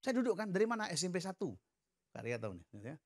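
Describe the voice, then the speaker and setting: A man's voice: high voice, fast. A middle-aged male pastor preaching a sermon, leading the congregation in response and telling humorous stories. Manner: lively storytelling with humorous asides to the congregation; leads the congregation in call-and-response.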